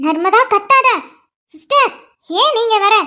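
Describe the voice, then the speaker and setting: Woman voicing impatient cartoon young woman, scolding, brisk, bright high voice. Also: animated, full character voice. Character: bossy young woman escorting a patient, impatient.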